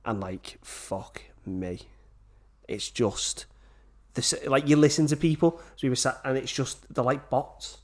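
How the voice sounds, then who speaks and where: Brief: man, podcast co-host, relaxed and chatty, asks questions. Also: mid-range voice, a little slow. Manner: casual, asks interview questions. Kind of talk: casual chat.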